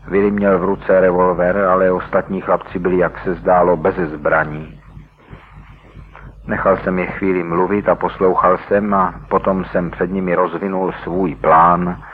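A man with a very low voice reads a story in a measured, steady way. The sound is thin and narrow, like an old radio broadcast, with faint hiss behind it. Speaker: narrator. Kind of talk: scripted narration.

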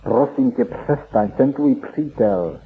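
A man's voice: medium pitch, expressive, a little hiss or hum, voice pushed up, lightly acted. A man voicing a tearful young man who begs his friend to stop, heard on a tinny lo-fi recording. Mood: tearful pleading. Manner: pleading, crying.

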